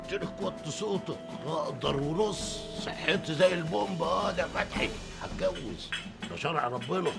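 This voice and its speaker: A gravelly old Egyptian father. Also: a little high. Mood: insistent. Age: older. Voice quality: gravelly, bossy, quick-tempered. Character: stubborn old Egyptian father set on remarrying. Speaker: father of a grown son. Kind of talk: TV drama acting. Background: background score music.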